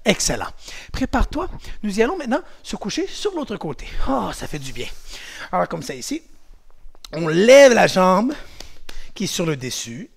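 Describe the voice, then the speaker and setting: Lively karate coach, gravelly. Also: male voice, high-pitched, normal speed, pauses often. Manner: energetic, shouts commands and makes whoosh sounds. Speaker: karate instructor. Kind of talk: kids' martial arts class.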